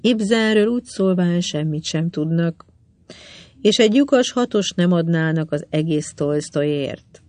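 A man's voice: on the high side, lively intonation, a little mellow, dry recording, lightly acted. A reader voicing a chatty, teasing man who grumbles, as audiobook dialogue in a dry close recording. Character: blunt talkative American man, grumbling.

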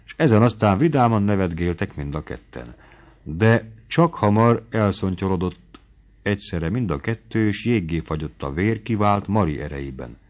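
A man narrating a classic novel in a measured storytelling manner, in dull lo-fi audio. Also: low-pitched, lively intonation, a little mellow.

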